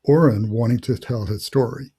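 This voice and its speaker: A man's voice: medium pitch, moderate pace, mellow, breathy edge. A middle-aged man, an author hosting a casual interview over a video call, thinking aloud with many fillers. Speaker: author and host.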